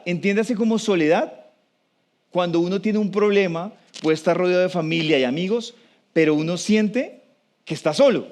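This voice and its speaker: A man giving a live talk to an audience, conversational, often asking the room questions and slowing down for emphasis. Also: fairly high pitch. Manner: slows down for emphasis.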